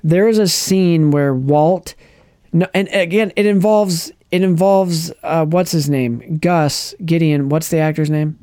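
A man chatting casually on a podcast, retelling a TV episode with lively acted-out lines and frequent restarts. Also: fairly high pitch, measured pace, smooth, dry recording, clean studio sound. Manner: animated storyteller, acts out characters' lines, restarts often. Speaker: podcast co-host. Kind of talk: casual chat recapping a TV episode.

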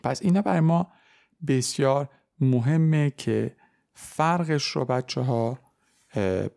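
A man hosting a podcast language lesson, explaining grammar patiently and slowing down for careful example sentences. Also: medium pitch, vocal fry, a little mellow. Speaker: French teacher.

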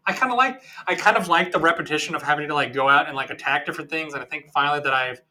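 A man's voice: on the high side, racing, bright, forceful tone. A man co-hosting a casual gaming podcast, rambling and joking with frequent restarts. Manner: rambling, restarts, jokey asides. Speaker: podcast co-host. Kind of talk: casual chat.

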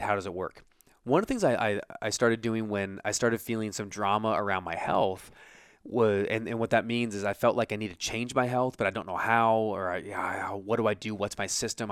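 A man's voice: medium pitch, no room sound, studio quality. An American man giving an informal motivational talk as a coach, conversational and emphatic, voicing imagined self-talk, recorded in a basement office. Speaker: self-help coach and show host.

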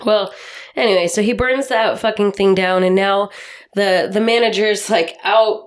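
A woman recaps a film for her podcast co-hosts, telling it with lively energy and frequent swearing. Her pitch sits in the middle range, and her tone is loose and conversational. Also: normal speed. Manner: animated, profanity-laden storytelling. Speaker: podcast co-host. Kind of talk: casual movie recap.

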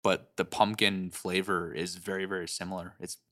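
A man's voice: low-pitched, little pitch movement, normal speed, pushed and bright. A man chatting casually as a player in a tabletop game. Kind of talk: casual chat.

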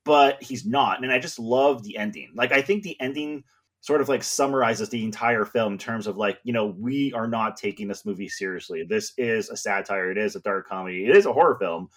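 A man's voice: on the low side, a little fast, a bit bright. A man talking casually and enthusiastically about a film, rambling with lots of fillers.

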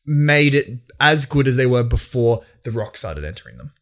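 A man in relaxed podcast chat who mostly agrees with his friend and often restarts his sentences. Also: mid-range voice, normal speed. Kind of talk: casual chat.

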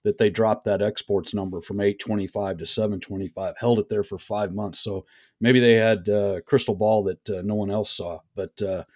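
A man hosts a podcast in an easy, upbeat way, quick to laugh. His voice sits a little low. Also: steady tone, darkish tone. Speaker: podcast host. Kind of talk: casual podcast chat.

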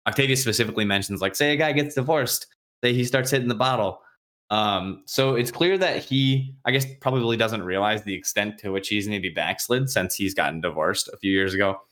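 A man with a fairly low voice recaps a novel in a relaxed podcast chat. He slips into quick, casual impressions of the characters and swears freely as he goes. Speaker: podcast host recapping a book.

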